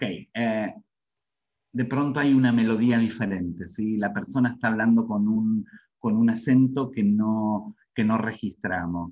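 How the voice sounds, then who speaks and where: A man's voice: on the low side, a little mellow, slightly rough, highs cut off. A man giving a webinar lecture on learning English, repeating himself and checking in with the audience often.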